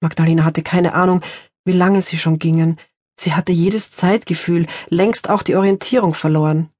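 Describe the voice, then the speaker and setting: A woman author reading her own crime novel aloud in a measured, tense audiobook narration. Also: lowish voice, fairly even intonation, darkish tone, slightly rough, no echo, studio quality.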